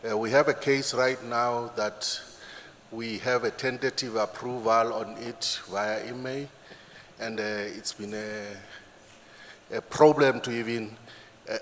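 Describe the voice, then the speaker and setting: A man's voice: mid-range voice, a bit bright. A man in an audience, asking a hesitant, frustrated question with many restarts. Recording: echoey conference hall, faint noise.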